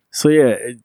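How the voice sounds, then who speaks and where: A man's voice: warm tone, no room sound, clean studio sound. A man co-hosting a podcast in casual chat, laid-back and skeptical, laughing easily. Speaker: podcast co-host.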